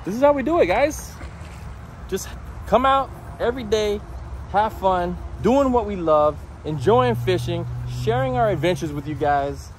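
A man's voice: high-pitched, lively intonation, unhurried. Guy filming his buddy fishing, chatty, talks to the viewers, outdoors with faint traffic hum. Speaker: fishing vlog co-host filming. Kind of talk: casual outdoor vlog chat. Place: outdoors by a golf course pond.

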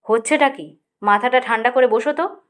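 A woman's voice: a little high, normal speed, voice pushed up, natural voice. A woman voicing an easygoing middle-aged husband in an audiobook, light and teasing. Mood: scolding.

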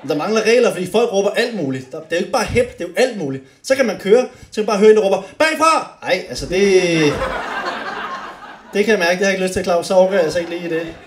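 Animated young man doing stand-up. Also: sits high. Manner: animated, shouts punchlines, swears. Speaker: stand-up comedian. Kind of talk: stand-up comedy. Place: comedy club stage. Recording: roomy club with faint noise.

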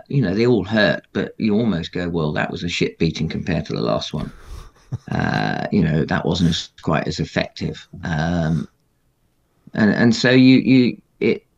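A man's voice: deep voice, creaky. A middle-aged man, a former aircrew guest, recounting his experiences in a blunt, matter-of-fact way and swearing freely. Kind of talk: candid interview recollection. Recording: slightly dull lo-fi audio.

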